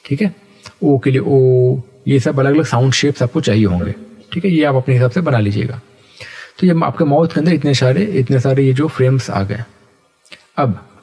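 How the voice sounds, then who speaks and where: A man teaching animation software step by step in a patient, explanatory way, often checking in with his viewers. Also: medium pitch. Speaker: animation tutor. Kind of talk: screen-recorded software tutorial.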